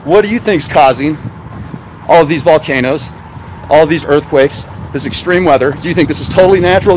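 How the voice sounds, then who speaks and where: A man live-streaming outdoors by a road, rambling through sarcastic rhetorical questions as a conspiracy vlogger. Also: a little high. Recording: noisy outdoor phone audio with traffic and wind. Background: traffic and wind.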